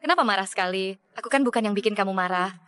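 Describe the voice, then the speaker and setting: A woman dubbing a remorseful young woman who pleads softly with her former partner. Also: medium pitch, racing, smooth, lightly acted. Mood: soothing. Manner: soft, pleading. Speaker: dean's girlfriend. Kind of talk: dubbed drama acting.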